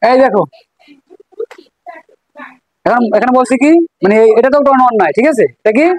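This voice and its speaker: A woman's voice: fairly high pitch, moderate pace, darkish tone, dry recording, low-quality recording. Dry-sounding woman teaching a class. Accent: Bangladeshi Bengali. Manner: coaxing, asks questions and repeats answers. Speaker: math teacher. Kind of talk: classroom lesson to students.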